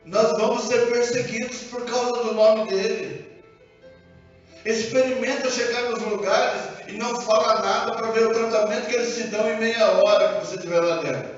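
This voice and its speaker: Brazilian pastor preaching in an echoey church. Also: male voice, very high-pitched, normal speed. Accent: Brazilian Portuguese. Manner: animated preaching with acted-out dialogue. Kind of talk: sermon. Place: church sanctuary. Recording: echoey hall from far off, dull sound, music behind.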